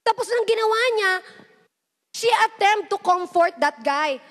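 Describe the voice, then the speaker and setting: A young woman with a very high voice preaches to a youth service in an echoey church hall. She switches between Tagalog and English and acts out quoted lines as she tells stories. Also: lively intonation, unhurried, fairly bright tone. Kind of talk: sermon.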